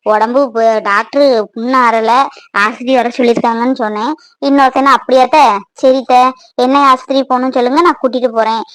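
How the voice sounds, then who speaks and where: A woman's voice: a little high, dry recording, pitched below the performer's own voice, natural voice, rough recording. Woman voicing a blunt, scolding village mother. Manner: scolding, bossy questioning.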